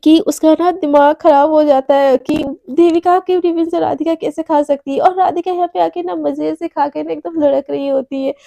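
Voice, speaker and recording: A woman's voice: high voice, fairly even intonation, normal speed, gravelly, hardly any pauses, mellow, no room sound. A young woman telling a romance story in a chatty, casual way, with lots of fillers and English words mixed in.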